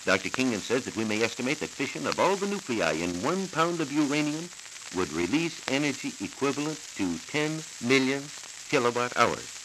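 An American man reporting on science speaks in a mid-range, very animated voice while keeping a formal, deliberate, teacherly delivery from a script. It's 1940s educational radio, recorded in a studio and heard on a hiss-laden old transcription disc.

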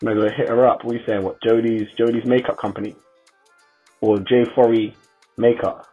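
A man's voice: mid-range voice, level tone, moderate pace, slightly rough. A young man with a London roadman accent and slangy delivery, giving casual, joking commentary as a voice-over. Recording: slightly muffled, music behind.

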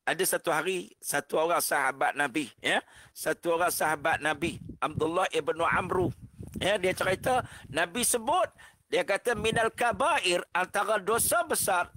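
Bright, high-voiced Malaysian preacher man. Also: slight background noise, low-quality recording. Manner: exclaims religious phrases, acts out quoted voices. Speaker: religious speaker on a parenting panel. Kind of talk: animated religious storytelling talk. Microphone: online video call.

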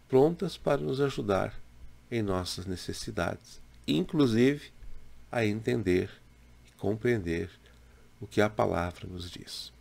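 A man in his sixties from Brazil, a pastor giving a slow, measured daily devotional to a webcam in a small home room. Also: fairly low pitch, gravelly. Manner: slow, measured, gentle preaching with pauses. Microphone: webcam in front, head and shoulders.

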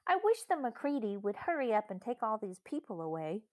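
A woman's voice: a little high, sing-song, brisk, darkish tone, no room sound, pitched above the performer's own voice. A woman voicing a practical, slightly fussy elder sister in a storybook reading. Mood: complaining. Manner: fussy, practical, well-spoken. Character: sensible, practical elder girl.

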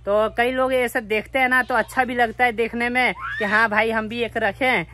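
A man's voice: very high voice, flat delivery, normal speed, sharp tone, no room sound. A man, chatting casually and directly to his viewers outdoors at home. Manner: plain, repetitive, addresses viewers directly. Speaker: vlogger with a pet monkey. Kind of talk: casual vlog chat to viewers.

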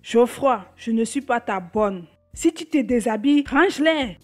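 A woman's voice: a little high, expressive, unhurried, darkish tone, soft background music. An actress playing an angry wife who scolds and accuses her husband in a dubbed film. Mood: scolding. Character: furious nagging wife, adult woman, short-tempered.

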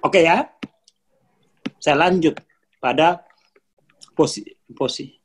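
A lecturer talks through spiritual ideas in a casual, conversational way, at a middling pitch. The speaker keeps repeating cautions and breaks into laughter between points. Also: takes it slowly. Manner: repeats warnings, laughs often.

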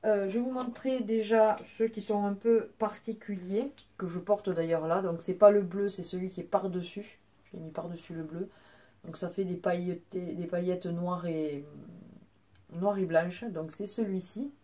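Woman, young adult, mellow warm tone, casual beauty vlog, lots of fillers and restarts. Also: lowish voice, fairly even intonation, normal speed. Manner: chatty, many fillers and restarts, apologizes for her English. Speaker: beauty vlogger. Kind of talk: casual product show-and-tell.

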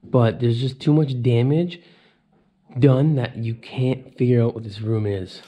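Warm and husky, the man's mid-range voice keeps fairly even intonation at a measured pace. He's a thirties-aged urban explorer recording a casual handheld vlog indoors, wandering an abandoned house scarred by fire and reflecting aloud for his audience.

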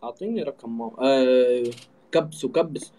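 This man speaks Egyptian-accented Arabic in a mid-range, dark-toned voice, going a little fast. He hosts a live stream over a live video call from an indoor room, keeping the chat casual, joking and teasing.

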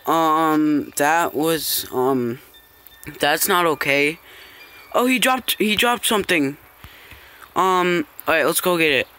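Male gamer for casual let's play narration: bright, high voice, hesitant, thinking aloud. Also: takes it slowly, pauses often, smooth. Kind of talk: casual gameplay commentary.

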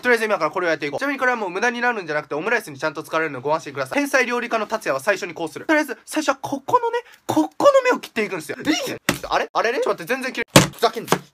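Young man, comedic kitchen vlog, very fast talk, noisy home video. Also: sits high, big pitch swings. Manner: loud, exaggerated self-mocking bravado. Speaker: YouTuber.

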